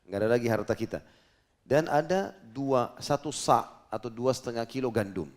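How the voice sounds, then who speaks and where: A man's voice: mid-range voice, lively intonation, moderate pace, lightly acted. A male preacher voicing a thrifty young wife, retold in a sermon story, insistent and scolding. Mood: practical. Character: Jabir's young wife, thrifty and worried, woman.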